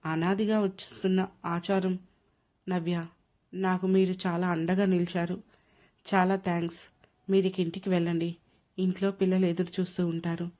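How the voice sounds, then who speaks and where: A woman's voice: lowish voice, level tone, normal speed, long pauses, mellow, natural voice. A woman voicing a wronged young wife who is hurt, indignant and proud. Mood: quiet, resigned. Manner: tearful, indignant. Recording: dull lo-fi recording.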